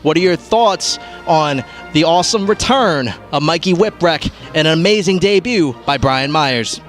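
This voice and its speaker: A man's voice: on the high side, lively intonation, normal speed, faint music behind. A man working as a backstage interviewer, asking polite, brief questions.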